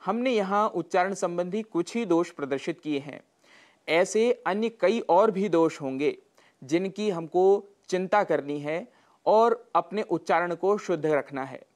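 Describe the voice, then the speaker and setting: A Sanskrit teacher giving a scripted broadcast lesson, with careful, deliberate enunciation and a measured, instructive delivery. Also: mid-range voice, expressive.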